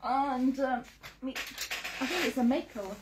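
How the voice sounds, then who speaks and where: A woman's voice: high-pitched, measured pace. A woman hosting a quilting livestream, chatting casually while she sews and greeting viewers. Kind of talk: casual chat while sewing. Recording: noisy home livestream audio.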